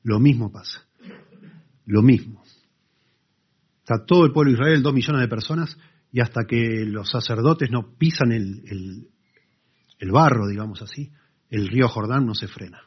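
A man with an Argentine accent preaching a sermon as a pastor, telling stories in a conversational way with lively asides to the congregation. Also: mid-range voice, moderate pace, pauses often, breathy edge. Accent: Argentine Spanish. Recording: dull lo-fi sermon recording.

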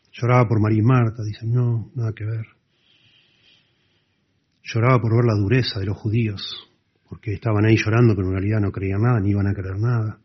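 A man preaching a sermon, explaining scripture earnestly and dropping to soft emphasis. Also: lowish voice, breathy edge. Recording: dull lo-fi sound.

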